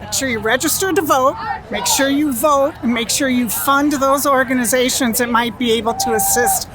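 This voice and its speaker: A woman's voice: high-pitched, moderate pace. Firm woman in her sixties at a protest. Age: 60s. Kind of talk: street interview answers. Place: outdoor street protest. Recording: loud crowd and music outdoors.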